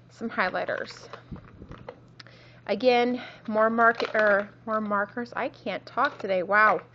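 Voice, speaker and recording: A woman's voice: medium pitch, sharp tone, slight background noise. A woman who is a little sick gives a casual show-and-tell tour of her home craft room, meandering and correcting herself with lots of ums. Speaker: crafting vlogger. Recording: dull lo-fi home video.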